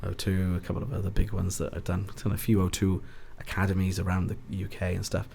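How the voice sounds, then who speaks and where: Low-pitched, monotone and gravelly yet warm, this man talks fast with a South Wales Valleys accent. He is a ring announcer from Ebbw Vale appearing as a podcast guest, rambling hesitantly and correcting himself in a casual interview. A little hiss or hum can be heard.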